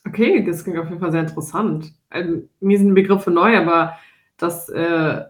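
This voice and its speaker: Woman in her 20s from germany cohosting a podcast, thoughtful and measured, echoey room. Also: on the low side, fairly even intonation. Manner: thoughtful, measured, laughs easily. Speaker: podcast co-host. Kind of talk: casual podcast conversation. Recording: roomy echo.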